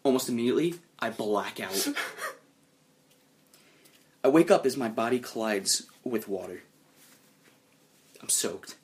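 A male game master narrates an adventure with a very animated, widely swinging pitch. He sinks into low, hushed tones for suspense, then rises again as the action picks up. His voice sits in a middle pitch range. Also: measured pace, long pauses. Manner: lively, dramatic storytelling that drops low and hushed for suspense.

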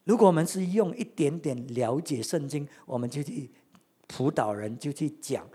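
Preacher telling a bible story, husky voice, lots of "you see?" questions, goes loud then soft. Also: medium pitch, moderate pace. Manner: animated storytelling with rhetorical questions. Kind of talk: sermon.

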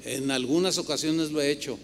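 A middle-aged man with a Mexican Spanish accent, preaching a sermon as pastor and telling stories with lively voices for the people in them. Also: a little high, a little fast. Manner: animated storytelling, voices other people's lines. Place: church hall with long reverb. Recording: reverberant hall, faint noise.

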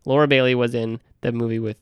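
A man's voice: mid-range voice, level tone, quick pace, clear, resonant tone, no echo, lo-fi sound. A man co-hosting a podcast about tabletop gaming, chatting casually, rambling and swearing freely. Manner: rambling, swears freely, laughs mid-sentence. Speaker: podcast co-host, game master. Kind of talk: casual chat.

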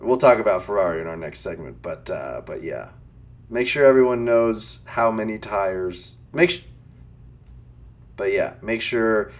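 A man co-hosting a casual racing podcast, joking and laughing often with plenty of fillers. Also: fairly low pitch. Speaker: podcast co-host.

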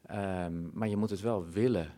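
Earnest, low-voiced Dutch-speaking man. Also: normal speed, warm tone. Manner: earnest, reflective, many fillers and restarts. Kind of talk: conversational interview.

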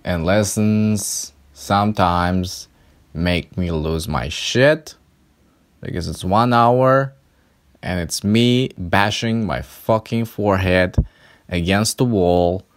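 A man's voice: low voice, slow. A man, an English tutor, talking in a casual podcast monologue, ranting and swearing in exasperation.

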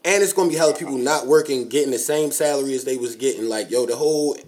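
A man, co-hosting a podcast in animated, joking slang. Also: medium pitch, fast talker. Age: 20s. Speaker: podcast co-host. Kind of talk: casual podcast chat.

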